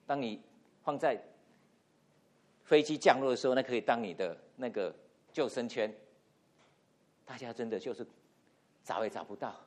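A middle-aged man, a pastor, telling a lively story in a sermon and acting out the dialogue, with English words mixed into his speech. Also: medium pitch, moderate pace, long pauses. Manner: animated anecdote with acted-out quotes, code-switching English words.

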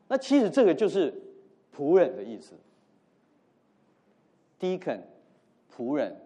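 Animated male pastor, warm low voice. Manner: animated preaching, swinging between loud emphasis and soft asides; mixes English words into his teaching. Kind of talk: sermon.

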